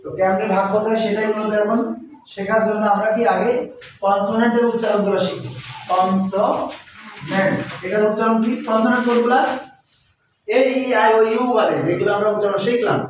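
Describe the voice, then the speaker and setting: High-voiced teacher in an echoey room. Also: male voice, fairly even intonation, slight background noise. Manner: slow, repetitive, quizzing with questions then answering. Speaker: English pronunciation teacher. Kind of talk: classroom lesson. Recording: echoey room, voice far from the mic.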